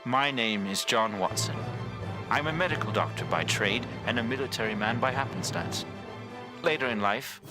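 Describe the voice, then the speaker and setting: A man's voice: on the low side, close to an everyday voice, low-quality recording. A man playing a solemn military doctor, narrating the introduction to an audio drama in formal storytelling phrases. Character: solemn military doctor Watson introducing his secret base.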